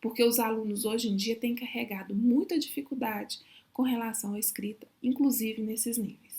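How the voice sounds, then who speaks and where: A woman's voice: a little high, fairly even intonation, gravelly, dark tone. A woman lecturer with a Brazilian Portuguese accent, giving an explanatory distance-learning lecture and often closing points with a tag question. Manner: pronounces example syllables and words slowly. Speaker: university lecturer.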